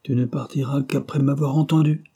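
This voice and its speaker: A man's voice: mid-range voice, moderate pace, warm tone, breathy edge. A man voicing a jealous man who threatens and blackmails a young woman, in a hard, mocking tone. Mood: threatening.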